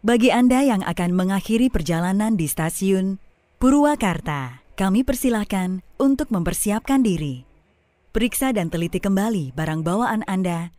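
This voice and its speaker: A woman giving a formal, polite train announcement over an onboard loudspeaker, measured and evenly paced. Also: medium pitch, lively intonation, no room sound. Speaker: recorded station announcer.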